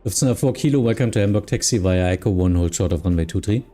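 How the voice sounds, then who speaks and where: A man streaming as an air traffic controller, mixing procedural clearances with casual chat. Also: lowish voice, fast, warm tone, soft background music.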